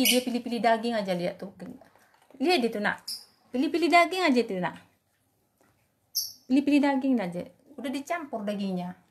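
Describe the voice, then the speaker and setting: A woman vlogging as she feeds her dogs, talking to them in a singsong, affectionate way, cooing and scolding in turns. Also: on the high side. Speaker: dog owner feeding her dogs. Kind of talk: casual vlog talk to pets.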